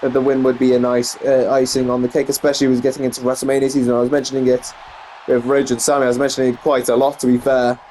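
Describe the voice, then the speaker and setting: A man's voice: mid-range voice, completely flat delivery, very fast, darkish tone, slight background noise. A young English man casually commentating a wrestling video game, rambling and correcting himself with frequent exclamations. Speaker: gameplay commentator.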